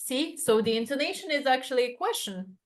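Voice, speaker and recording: A woman's voice: high voice, animated, a little fast. A woman teaching a one-to-one lesson over a video call, explaining patiently with many fillers and restarts. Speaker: French tutor.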